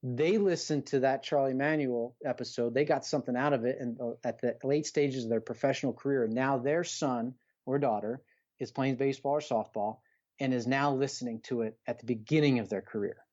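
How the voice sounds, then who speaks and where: Fairly quick and medium-pitched, the man's voice has a darkish tone, and the recording is dull. He's a middle-aged coach on a podcast as a guest, earnestly and emphatically motivating in a conversational way, with repeated phrases and rhetorical questions.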